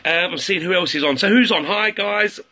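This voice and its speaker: A man's voice: sits high, a little fast, bright, forceful tone. A man giving casual sales tips on a phone livestream, chatting with viewers and repeating key phrases. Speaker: network marketing livestreamer.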